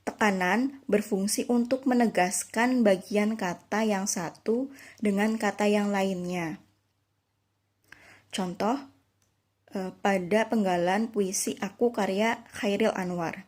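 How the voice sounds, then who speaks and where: Indonesian woman teacher explaining patiently. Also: medium pitch. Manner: explains slowly with fillers and restarts. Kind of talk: online lesson.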